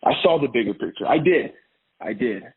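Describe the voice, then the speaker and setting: A man's voice: mid-range voice, animated, fairly quick, breathy edge. A man from Honduras, a podcast guest, chatting casually and laughing often as he tells his story. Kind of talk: casual interview chat. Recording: tinny phone-like line.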